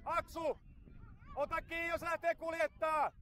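High-pitched, bright-voiced man shouting from the sidelines. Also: flat delivery. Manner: loud, rapid encouragement and instructions. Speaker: youth football coach. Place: outdoor football pitch.

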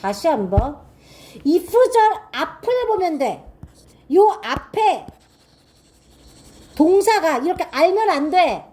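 A high-voiced woman with a lively, swooping delivery runs a grammar class. She keeps checking in with her students and reads each example sentence slowly and carefully. She is recorded in a classroom. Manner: quizzing students with quick repeated checks. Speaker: English teacher at a cram school.

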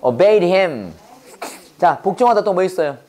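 Low-voiced woman drilling English phrases. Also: expressive, dark tone. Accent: Korean. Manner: drills words by repetition, prompting the class to repeat; switches fast between slow English and rapid Korean explanation. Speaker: English teacher at a church school. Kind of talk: call-and-response English drill with preaching.

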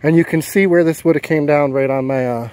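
A man's voice: fairly high pitch, fairly quick, darkish tone, no room sound, rough recording. A middle-aged man talking casually while filming himself outdoors, explaining his work as he goes. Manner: plainspoken, thinks aloud while explaining work. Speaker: off-grid homesteader and sailor. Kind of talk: casual outdoor vlog narration. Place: outdoors in woods and at a marina. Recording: music playing under the voice.

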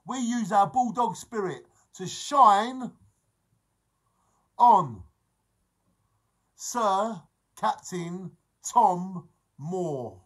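A vlogger in his forties livestreams from an indoor room next to a fish tank, holding his phone close at arm's length. He talks fast and excitedly, repeats phrases and bursts into snatches of song, his voice high and slightly rough.

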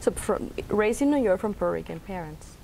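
A woman's voice: mid-range voice, lively intonation, fairly quick, creaky, dark tone, a little hiss or hum. Chatty middle-aged woman interview host. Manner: curious, chatty questioning. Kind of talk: interview chat. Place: TV studio set.

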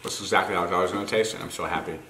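A young man guest in a casual snack-tasting chat, excitable and gushing. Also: low-pitched, racing, slight background noise. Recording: echoey room.

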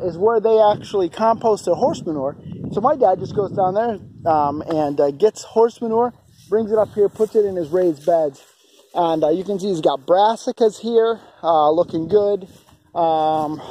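Man in his forties, mellow voice, rambling farm-tour vlogger filmed at arm's length outdoors, faint background hiss. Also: sits high. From upstate New York. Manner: rambling, many fillers, enthusiastic. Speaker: homestead vlogger. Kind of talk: casual walking tour vlog. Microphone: handheld camera at arm's length.

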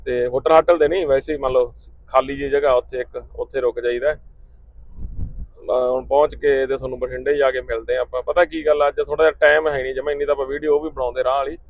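A man's voice: mid-range voice, low-quality recording. A man, chatting casually to his viewers in a travel vlog. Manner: chatty, addresses viewers as friends. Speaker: vlogger. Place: in a car and around town.

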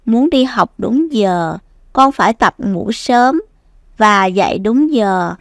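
Woman reading as a gentle, unhurried mother cat to a toddler. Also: medium pitch, animated, creaky, dry recording, studio quality. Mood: gently advising. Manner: gentle, instructive. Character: caring, patient mother cat giving advice. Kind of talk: children's storybook reading to a toddler.

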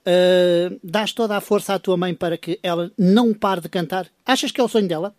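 A woman's voice: lowish voice, steady tone, fairly quick, a little mellow, no room sound, studio quality. A woman with a European Portuguese accent hosting a casual radio interview, coaxing and playful. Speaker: radio host.

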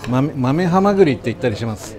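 A man's voice: mid-range voice, expressive, fast talker, crowd noise. A man working as a chef, talking casually but politely with customers and staff in an exacting, explanatory way. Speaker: sushi chef and restaurant owner. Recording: clear kitchen and restaurant background noise.

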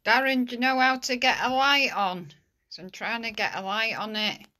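A woman filming a casual ghost hunt on the stairs of her house, chatting and calling out loudly to spirits, recorded on a handheld phone. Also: on the high side, fairly even intonation, normal speed. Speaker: amateur ghost hunter. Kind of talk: casual home ghost-hunting vlog.

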